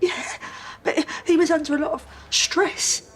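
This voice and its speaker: A woman's voice: high-pitched, fairly even intonation, a little slow, slight background noise. An actress playing a frightened, tearful pregnant woman held for murder, pleading and anxious. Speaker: murder suspect in custody.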